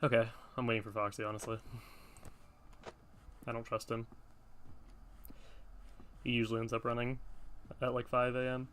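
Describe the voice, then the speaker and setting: Bright-voiced man doing casual game commentary. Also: medium pitch, level tone, normal speed, long pauses, a little hiss or hum. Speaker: gaming video host.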